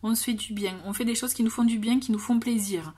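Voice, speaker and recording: A woman giving a casual oracle card reading to her viewers, gentle and encouraging, with many fillers and restarts. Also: on the high side, fairly even intonation, quick pace, slightly rough. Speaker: tarot and oracle card reader.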